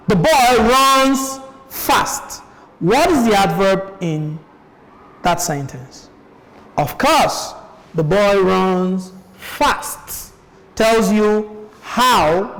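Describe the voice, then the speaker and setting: Nigerian lady teacher on tv, repeats stuff, voice goes up and down a lot. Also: mid-range voice. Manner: slow, questioning, repeats sentences for pupils. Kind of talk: classroom lesson on TV. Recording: echoey room with long reverb.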